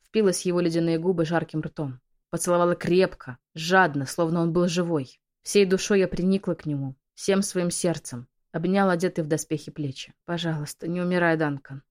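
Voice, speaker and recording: A woman narrates a fantasy romance audiobook in the first person. Her slightly low voice is emotional and often sinks to a breathy hush. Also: steady tone, brisk, few pauses.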